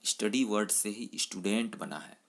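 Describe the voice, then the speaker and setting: A man teaching English vocabulary to Hindi speakers, explaining each verb and then slowly reading out example sentences. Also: fairly low pitch, fairly bright tone.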